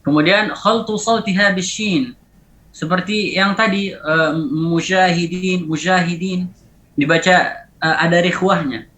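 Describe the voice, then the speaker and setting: A man teaching a tajwid lesson, explaining pronunciation errors and repeating example words slowly to demonstrate them. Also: sits high, sharp tone, slight background noise, poor audio. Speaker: Quran recitation teacher.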